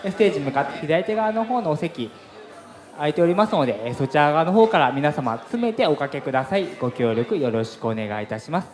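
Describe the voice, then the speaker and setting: A man's voice: fairly high pitch, big pitch swings, brisk, reverberant. A man giving formal, courteous announcements to guests at a crowded event venue. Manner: formal, courteous customer-service phrasing.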